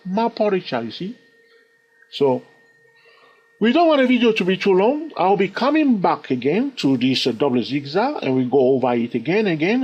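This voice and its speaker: A trading instructor with a husky, slightly high voice gives an animated chart lesson recorded from his screen. He keeps checking in with "yes or no?" and "okay?", and the lo-fi recording sounds dull.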